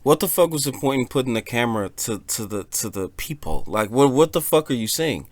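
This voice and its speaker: A man's voice: mid-range voice, brisk, no room sound. Sarcastic, swearing man reacting to clips. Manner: profane, sarcastic, animated. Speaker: reaction video host. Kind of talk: casual reaction commentary.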